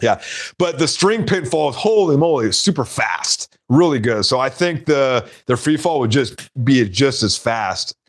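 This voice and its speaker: A man's voice: mid-range voice, lively intonation, a little slow. A man hosting a casual live stream, rambling and laughing at his own stories.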